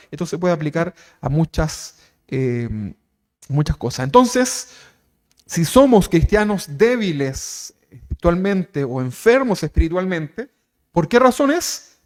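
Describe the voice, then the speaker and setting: A man preaching a conversational sermon as pastor, animated and constantly asking his listeners questions. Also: high-pitched.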